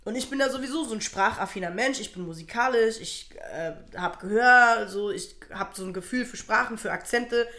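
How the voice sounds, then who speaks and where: A woman's voice: on the high side, a little fast, few pauses, bright, forceful tone. A woman from Germany in casual chat as a podcast co-host, blunt and crude, swearing freely.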